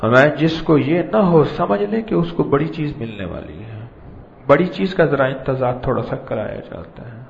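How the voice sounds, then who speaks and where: A man's voice: mid-range voice, lively intonation, creaky, slight background noise. A man giving a devotional sermon as a Sufi preacher, in a lilting cadence built on repeated phrases. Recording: dull lo-fi recording.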